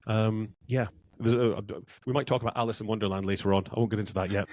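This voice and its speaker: A man's voice: lowish voice, fairly even intonation, fast, a little mellow, highs cut off. A man from Scotland, a guest in a podcast interview, talking reflectively and repeating words as he thinks. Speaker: guest, culture consultant.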